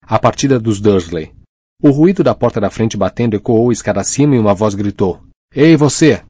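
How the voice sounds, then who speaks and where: A man reading a novel aloud as an audiobook narrator, in a measured, expressive way, on a close mic. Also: on the low side, husky, no room sound. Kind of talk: scripted narration.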